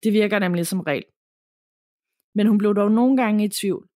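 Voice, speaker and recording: A woman podcast host reading a listener's letter aloud in a calm, even storytelling manner. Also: medium pitch, dry recording, clean studio sound.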